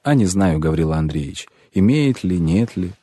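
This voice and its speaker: A man voicing a timid young laundress who answers quietly and submissively, in an audiobook reading. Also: low voice, lively intonation, moderate pace, slightly rough, dry recording. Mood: meek.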